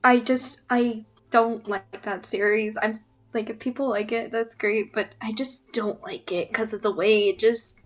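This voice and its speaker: High-voiced excitable woman. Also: measured pace, few pauses. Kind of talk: casual podcast chat.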